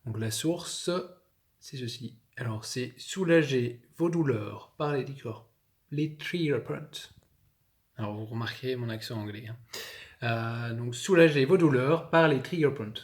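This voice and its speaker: A man's voice: medium pitch, a little slow. A man coaching viewers casually, demonstrating massage tools while talking, often hesitating and restarting, filmed on a phone indoors. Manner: chatty, hesitant, showing objects while talking. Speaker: fitness coach. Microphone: phone camera.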